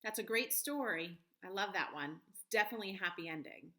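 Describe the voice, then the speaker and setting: With a fairly quick, animated delivery, a thirties-aged American teacher leads little kids through a picture-book reading and lesson. Her medium-pitched voice sounds pushed and bright, and her phrases stay simple and guiding.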